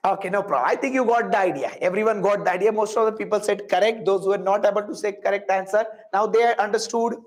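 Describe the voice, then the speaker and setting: A man's voice: high-pitched, fast, hardly any pauses. A man with an Indian accent teaching a live physics class, explaining step by step, repeating phrases and putting questions to students with Hindi tags mixed in.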